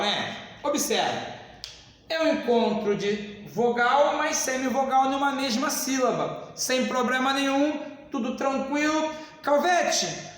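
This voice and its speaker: A man teaching a grammar lesson to a class, speaking emphatically and addressing the students formally. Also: extremely high pitch. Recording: echoey hall with long reverb.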